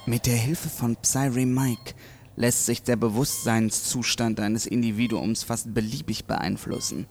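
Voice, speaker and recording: An actor playing a menacing, sardonically polite mad scientist professor in a German audio drama, with hammy, stagy theatrical delivery. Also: male voice, mid-range voice, steady tone, a little slow, a little mellow, a little hiss or hum, close to an everyday voice. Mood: lecturing.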